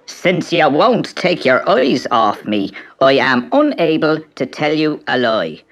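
A man voicing a tiny, crafty male leprechaun cobbler with a high, whining voice. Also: wildly swooping pitch, takes it slowly, a bit bright, full character voice. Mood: sly. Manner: whining, pleading, sly.

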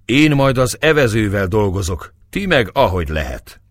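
Storybook part: fiery, brash soldier, loud and taunting, husky low voice, a male reader putting him on. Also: very animated, no room sound, clean studio sound. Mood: gruff.

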